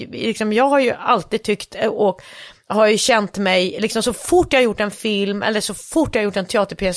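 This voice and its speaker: A woman's voice: mid-range voice, no room sound, clean studio sound. A middle-aged woman co-hosting a podcast, chatting casually and rambling, with many fillers and restarts. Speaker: podcast co-host. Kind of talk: casual chat.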